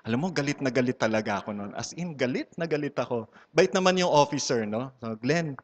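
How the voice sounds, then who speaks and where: A fast-talking man with a medium-pitched, expressive voice and a Filipino accent gives a humorous testimony at a church community gathering. Before a live audience in a large hall with long reverb, he plays the storyteller, teasing listeners and mixing Tagalog with English.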